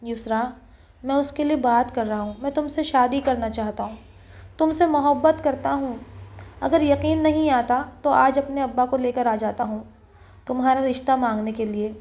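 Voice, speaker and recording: A woman's voice: sits high, steady tone, darkish tone. A woman voicing a persistent, lovestruck young man who teases and coaxes playfully. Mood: teasing. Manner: playful, coaxing pleading.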